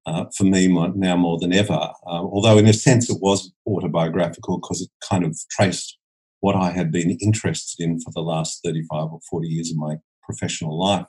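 Low, dark-voiced Australian man in his sixties. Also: steady tone, fairly quick, breathy edge, rough recording. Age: 60s. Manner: hesitant, many restarts and fillers. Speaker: guest, holistic dentist. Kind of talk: podcast interview.

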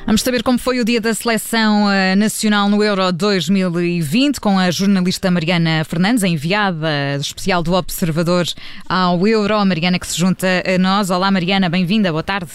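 A man's voice: high-pitched, steady tone, normal speed, smooth, faint music behind. A man with a European Portuguese accent hosting a news programme, presenting and putting questions to a reporter. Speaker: radio news podcast host. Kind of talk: presenting and interviewing.

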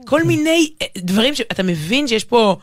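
A woman's voice: a little high, big pitch swings, no echo, clean studio sound. A woman with an Israeli accent co-hosting a casual talk show, speaking emphatically and often breaking off to rephrase mid-sentence. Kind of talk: casual animated conversation.

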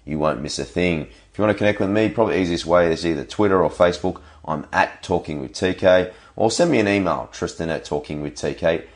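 An Australian man hosting a podcast in a casual way, his voice croaky from a cold. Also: deep voice, quick pace, few pauses. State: has a cold. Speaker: podcast host. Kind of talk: casual podcast introduction and interviewing.

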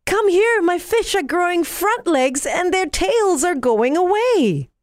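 Woman as an excitable high-pitched little storybook boy. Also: slow pace, no room sound, studio quality, heavily acted. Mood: excited. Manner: yelling, eager, exclaiming. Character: excitable six-year-old boy in a storybook.

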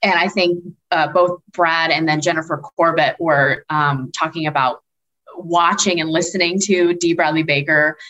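A woman's voice: deep voice, fairly even intonation, normal speed, a bit bright, muffled recording. A woman who is a guest on a podcast, talking casually in a hesitant way with many fillers. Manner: filler-heavy, hesitant phrasing. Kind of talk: casual chat.

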